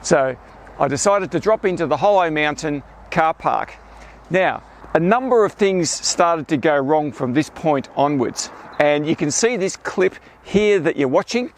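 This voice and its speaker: A man's voice: fairly high pitch, lively intonation, a little slow, a little hiss or hum. A man, telling a photography trip story in a chatty, self-deprecating vlog style. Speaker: landscape photographer vlogger.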